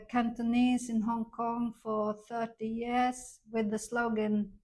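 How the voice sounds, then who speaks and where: Older lady cohosting a podcast, slightly high voice, chatty and self-mocking. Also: poor audio. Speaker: podcast co-host. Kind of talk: casual podcast chat.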